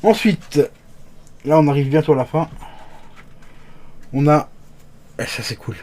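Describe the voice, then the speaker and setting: A man's voice: fairly high pitch, unhurried, mellow. A man casually commenting an unboxing for his viewers, chatty and hesitant, with many fillers and restarts, his voice moving closer and farther from the mic. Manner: talks to viewers as friends. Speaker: unboxing youtuber.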